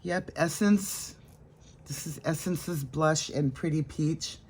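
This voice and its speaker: A woman chatting casually to her viewers while doing her makeup, laughing often and dropping into soft asides. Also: low-pitched, slow, breathy edge. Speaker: makeup vlogger. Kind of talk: casual makeup vlog chat.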